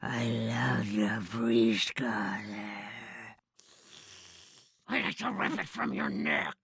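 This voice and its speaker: A taunting demon with a deep, gravelly, harshly raspy demonic voice. It slides from hissed whispers to snarled shouts with a wildly swinging pitch. The sound is cutting and bone dry, close on the mic. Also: female voice, very animated, slow, no room sound, exaggerated voice. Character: snarling demon possessing a human, menacing. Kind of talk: voice acting demo reel.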